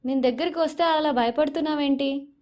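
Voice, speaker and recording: A woman's voice: high voice, fairly quick, pitched above the performer's own voice, close to an everyday voice. A woman playing a stubborn, aggrieved young husband. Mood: insistent. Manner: loud, pleading, keeps arguing back.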